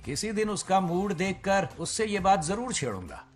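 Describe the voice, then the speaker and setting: A drowsy, polite father in a dubbed film, his voice a bit high. Film music runs faintly underneath. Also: very animated, moderate pace. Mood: easygoing. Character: sleepy middle-aged father talking in dreams. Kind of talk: Hindi film dub.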